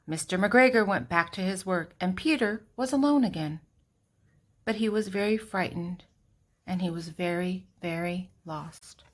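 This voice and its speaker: An older woman with a lowish voice narrates a storybook for children. She reads expressively, pausing for dramatic effect and emphasizing words on purpose.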